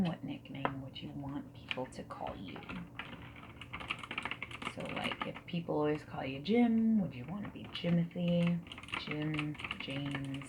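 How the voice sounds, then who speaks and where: Speaking at a medium pitch, a woman whispers and murmurs breathily through an ASMR roleplay, gently asking comforting questions the way a friendly interviewer might. Behind her are steady noise and the typing and clicking of a mechanical keyboard.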